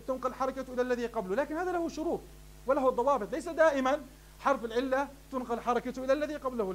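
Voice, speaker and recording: A man, teaching morphology in a classroom lecture, asking questions and answering them himself. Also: very high voice. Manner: addresses the class warmly as "beloved ones". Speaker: sheikh teaching Arabic morphology.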